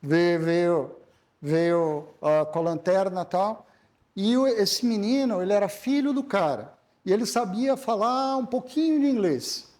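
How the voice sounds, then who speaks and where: A Brazilian man giving a corporate talk, telling a travel story in a halting way with many fillers and restarts. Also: sits high, darkish tone. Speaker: corporate speaker. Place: stage at a corporate event.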